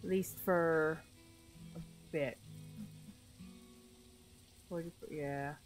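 A woman plays a city-building game and talks herself through each move at an unhurried pace. Her voice is wearing thin as she loses it, and she often restarts her sentences. Faint game music sits under her voice. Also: deep voice, fairly even intonation, rough recording. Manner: thinks aloud, self-talk with frequent restarts. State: losing her voice. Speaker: gameplay streamer. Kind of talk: casual gameplay commentary.

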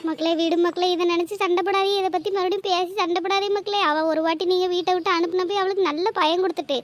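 Brief: a kindly older cartoon woman, very high and quick, apologetic and soothing. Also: fairly even intonation. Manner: pleading, soothing, repeats her pet word for him.

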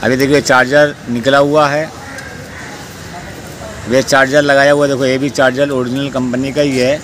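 Flat-voiced man explaining a scooter repair. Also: medium pitch, normal speed. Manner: plain, repetitive explaining with many fillers. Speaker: motorcycle mechanic. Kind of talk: hands-on repair tutorial. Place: outdoor street repair spot. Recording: noisy outdoor street recording.

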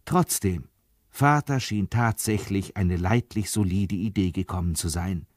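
A man reading a literary story aloud in a measured, storytelling manner. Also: low voice, dry recording, studio quality. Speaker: narrator.

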